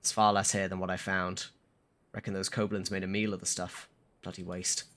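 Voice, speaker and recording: A man reading aloud the game dialogue of a brisk, gruff quest-giving trader, blunt and salesmanlike. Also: sits low, little pitch movement, fairly bright tone, a little hiss or hum. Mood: grumbling.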